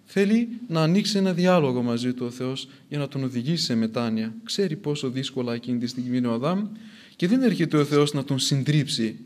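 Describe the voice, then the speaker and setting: A man's voice: mid-range voice, lively intonation, darkish tone. A man preaching a sermon in an earnest way, repeating phrases for emphasis as his intensity rises and falls.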